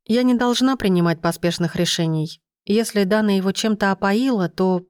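A woman's voice: mid-range voice, normal speed, a little mellow, clear, resonant tone, no echo, studio quality, lightly acted. A woman reading the lines of an earnest, pregnant young woman in an audiobook. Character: pregnant young woman, worried but resolute.

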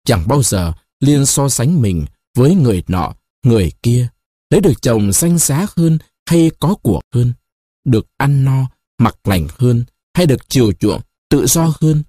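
A man narrating a novel as an audiobook, in an expressive storytelling manner. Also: mid-range voice, unhurried, dry recording, studio quality.

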